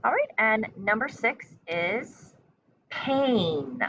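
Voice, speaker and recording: This is a spelling lesson: a woman teacher with a lowish voice dictates slowly, articulating each word carefully and repeating it in an encouraging, instructive tone. Sound quality is muffled and lo-fi, with a faint hiss.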